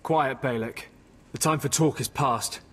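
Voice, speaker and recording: A man's voice: mid-range voice, measured pace, a bit bright. An actor playing a blunt, threatening male thug in a video game. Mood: menacing. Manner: gruff, threatening. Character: menacing male thug, blunt hired killer.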